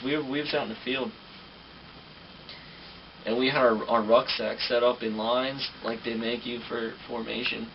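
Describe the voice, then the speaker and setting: A man's voice: medium pitch, dull audio, slight background noise. A young man, a guest on the show, tells casual stories in slangy, profane talk full of fillers. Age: young adult. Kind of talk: casual storytelling. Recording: distant mic with music behind.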